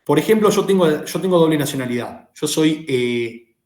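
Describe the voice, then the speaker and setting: A man's voice: fairly high pitch, animated, moderate pace, darkish tone. Argentine man lecturing in an echoey room. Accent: Argentine Rioplatense. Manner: explanatory, asks the class questions. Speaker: law teacher. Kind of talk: lecturing a class.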